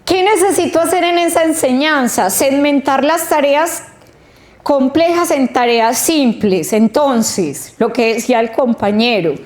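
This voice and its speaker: A woman teaching a literacy training workshop, explaining slowly and stretching out the sounds of words. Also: sits high, a little mellow. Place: training room.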